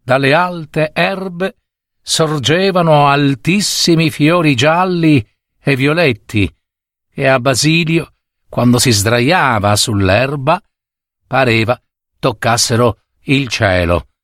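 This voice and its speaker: A man narrating a story in a measured, deliberate reading voice. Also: medium pitch, a bit bright, no room sound, studio quality.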